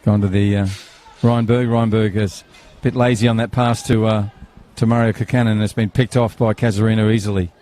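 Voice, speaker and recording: A man's voice: fairly low pitch, level tone, a little fast, hardly any pauses, mellow. A man, commentating live on a football match outdoors, chatty and rambling, with banter and fillers.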